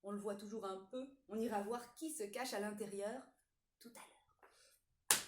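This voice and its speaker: A woman hosting a children's music show from her home, playfully leading a warm-up and talking straight to the young viewers. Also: medium pitch, fairly even intonation, measured pace, echoey room. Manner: playful, addresses children directly.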